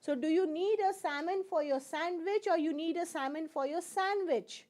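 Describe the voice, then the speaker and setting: A woman's voice: extremely high pitch, very slow, a little mellow. A middle-aged woman with an Indian English accent teaching pronunciation, mixing Hindi and English, patiently repeating words and checking that students follow. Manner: explains patiently, repeats each word and asks "fine?".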